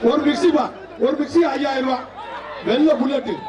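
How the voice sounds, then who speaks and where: Brief: male announcer on a loudspeaker, very high yelling voice, echoing from far off, dull sound, loud crowd behind. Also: steady tone, a little fast. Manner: shouting, repeating short calls. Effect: through a loudspeaker system. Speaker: event announcer. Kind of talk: live shouted commentary. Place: outdoor bull-taming arena. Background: loud cheering crowd and noise.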